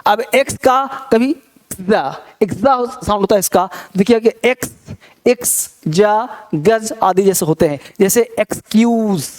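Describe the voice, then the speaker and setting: This male teacher's voice is high and a bit mellow, and he keeps a measured pace. Leading an online spoken-English class, he reads out lists of words, checks comprehension with rhetorical questions, and encourages students while going over key points again.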